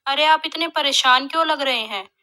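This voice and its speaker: A woman voicing a kind older village mother-in-law who speaks softly and soothingly. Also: high voice, normal speed. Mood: gentle.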